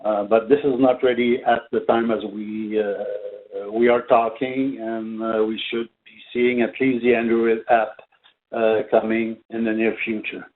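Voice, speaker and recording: Over a thin, phone-like line, a fairly low-pitched man presents a company product in an off-the-cuff webinar. His delivery is flat and halting, heavy with ums and other filled pauses.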